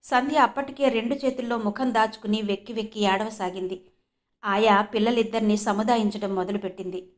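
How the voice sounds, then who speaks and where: A woman from India narrating a novel aloud in a steady, expressive storytelling manner. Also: medium pitch, brisk. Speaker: audiobook narrator. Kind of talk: novel reading.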